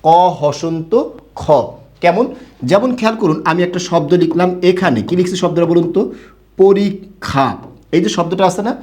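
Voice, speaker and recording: A man's voice: high-pitched, a little fast, darkish tone. A young man teaching a Bengali grammar class online, explaining step by step and asking his students questions.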